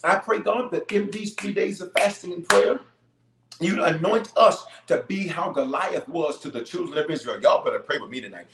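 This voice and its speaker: A man's voice: high-pitched, moderate pace, creaky, a bit bright, a little hiss or hum. A man, a bishop leading fervent spontaneous prayer, repeating phrases emphatically and rallying his listeners in a preacher's cadence. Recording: echoey, reverberant room sound.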